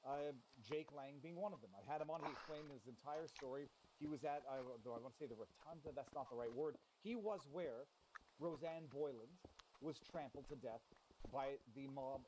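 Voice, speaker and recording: A man hosting a live stream, giving animated, opinionated commentary. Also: fairly high pitch, background noise. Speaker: streamer host.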